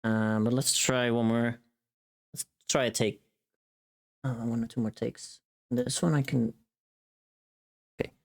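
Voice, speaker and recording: A woman streamer mutters to herself and thinks aloud while recording voice pack lines, chatting casually on a livestream as she works. Her bass voice is steady and a little slow, broken by long pauses.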